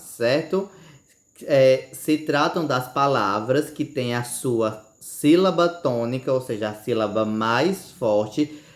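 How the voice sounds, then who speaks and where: Man teaching slowly in an echoey room. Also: medium pitch. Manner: slow deliberate, stretching key words, frequent "certo?" and "ok?". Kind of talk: recorded video lesson.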